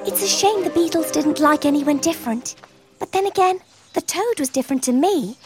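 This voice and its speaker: A woman voicing Thumbelina, a tiny, gentle, polite young girl with a soft, hesitant manner. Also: sits high, brisk, natural voice. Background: music.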